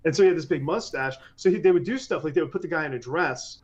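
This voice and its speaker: A man's voice: fairly high pitch, fast. Chatty man with muffled, lo-fi sound. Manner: animated, restarts often, mimics people in quotes. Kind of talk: casual podcast conversation.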